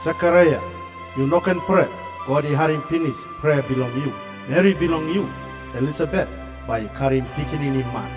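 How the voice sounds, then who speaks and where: Solemn proclaiming angel played by a man for scripture drama, Papua New Guinean Pidgin delivery, echoing over clear music. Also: on the high side, normal speed, close to an everyday voice. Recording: long hall reverb, music behind.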